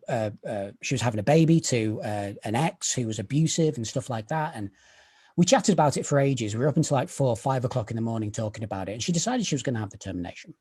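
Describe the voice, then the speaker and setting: Guy in his 30s doing standup on a video call, husky voice, pitch jumps all over, dry self-mocking stories. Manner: dry, self-deprecating storytelling with quiet asides. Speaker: stand-up comedian.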